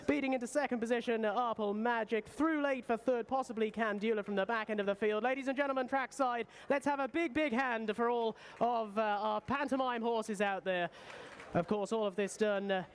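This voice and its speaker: A racecourse announcer delivers live race commentary in a high, clean-toned voice, breaking his short phrases with frequent pauses.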